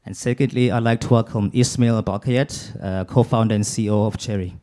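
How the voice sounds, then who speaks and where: A man moderating a panel, giving a formal, measured introduction read from notes. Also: on the low side, steady tone, mellow. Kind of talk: scripted event introduction.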